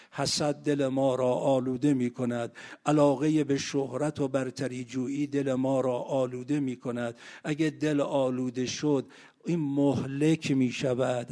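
A man's voice: medium pitch, mellow. A man preaching a mourning sermon with an earnest, repetitive cadence.

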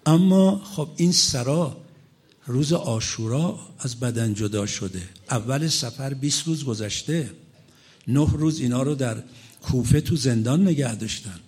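A man's voice: mid-range voice, darkish tone, husky. A man preaching a mourning sermon, telling a story with quoted dialogue. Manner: tells the story with rising emotion, ending in chanted lament.

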